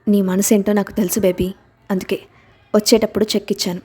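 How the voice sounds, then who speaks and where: A woman reading an audiobook aloud and voicing a protective, commanding young husband a little lower than her narration, with no big change of voice. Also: flat delivery, brisk, warm tone, breathy edge, natural voice. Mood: tender.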